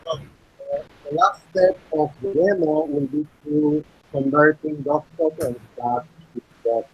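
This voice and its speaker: A man presenting a software demo over a video call, talking through each step with many pauses and fillers, his call audio glitchy and cutting out. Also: on the high side, expressive, vocal fry, breathy edge, highs cut off. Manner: halting, filler-heavy narration of on-screen steps. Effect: call audio cutting out, glitchy and distant. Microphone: computer mic on a video call.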